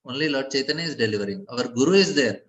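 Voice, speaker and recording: A man giving a scripture class, speaking haltingly, repeating words and chuckling, with chanted Sanskrit verses. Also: mid-range voice, animated, low-quality recording. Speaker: spiritual teacher.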